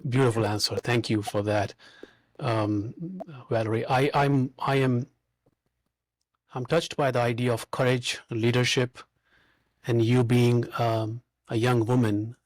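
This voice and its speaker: A man's voice: medium pitch, flat delivery, unhurried, no room sound. A man hosting an interview, asking questions in a hesitant way and often restarting. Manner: hesitant, many fillers and restarts. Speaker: podcast host.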